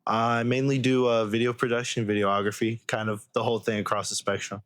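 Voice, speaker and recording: A young man from Massachusetts, a videographer, answering interview questions in a relaxed, rambling way with many fillers. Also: medium pitch, a little fast, dry recording.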